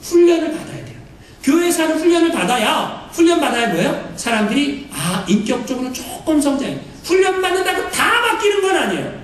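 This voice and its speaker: A pastor giving a lively sermon, often questioning the congregation and acting out what people say. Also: mid-range voice. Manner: lively, questions the congregation, acts out quoted voices. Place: church sanctuary. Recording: very echoey hall, mic far off, faint noise.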